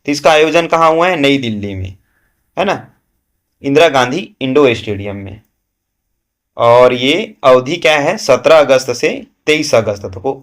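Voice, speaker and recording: A man walks students through current affairs like a coaching class teacher. He keeps asking a question, then answers it himself, and checks in often with "है ना". His pitch sits in an ordinary middle range. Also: lively intonation, moderate pace.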